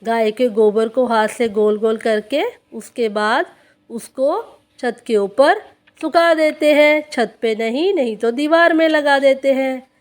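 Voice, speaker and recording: A woman's voice: sits high, unhurried. A woman doing a busy village girl doll. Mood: explaining. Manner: busy, reassuring. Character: cheerful hardworking young village girl doll.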